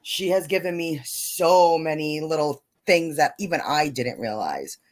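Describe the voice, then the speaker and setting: A woman with a New York accent hosting a casual live-stream chat, greeting viewers by name with excitable energy. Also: sits low, unhurried. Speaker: host.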